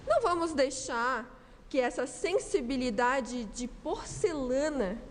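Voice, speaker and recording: A woman delivers a measured, earnest doctrinal talk. Her voice sits high and she takes her time. Long reverb from the hall trails her words. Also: lively intonation, slight background noise. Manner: earnest, measured, reads quoted passages. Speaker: lecturer at a spiritist centre. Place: spiritist centre hall.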